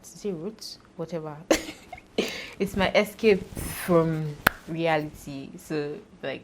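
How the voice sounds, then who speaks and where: A young woman talking casually to camera in a chatty, self-deprecating way, laughing often. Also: sits low. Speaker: YouTuber.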